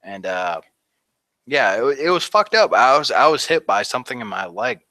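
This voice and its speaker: Very animated and speaking at a normal pace, a veteran in his thirties rambles through his war story as a guest in a casual interview. He uses "like" constantly and laughs at the grim parts. His medium-pitched voice is pushed and bright, with no echo.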